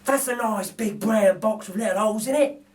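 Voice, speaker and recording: A man's voice: sits high, normal speed, pitched above the performer's own voice, natural voice. A man voicing a cheeky, good-natured working-class burglar in a storybook, with emphatic, colloquial speech. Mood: pleased, sly. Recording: distant microphone.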